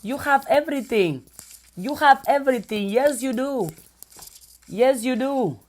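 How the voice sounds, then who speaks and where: A woman with a fairly high voice hosts a casual live stream. She keeps affirming and encouraging her guest in short, repeated phrases. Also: animated, measured pace.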